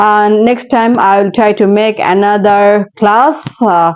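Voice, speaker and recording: Slow-spoken woman teacher. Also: mid-range voice, steady tone, clean tone, muffled recording. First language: Bengali. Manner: slow careful English, quick Bengali asides, repeats drill words. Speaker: English pronunciation teacher. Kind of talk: online pronunciation lesson with word drills.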